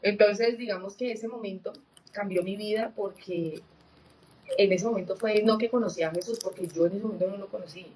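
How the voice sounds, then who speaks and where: Woman, personal testimony, earnest, reflective, fillers and restarts, mid pitch. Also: fairly quick, a little mellow, slight background noise, poor audio. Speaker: guest giving a testimony.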